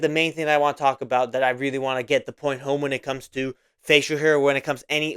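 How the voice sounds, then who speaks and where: Rambling young man with a smooth voice. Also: a little high. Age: 20s. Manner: rambling, repeats himself, many fillers. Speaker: podcast host. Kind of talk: casual solo monologue.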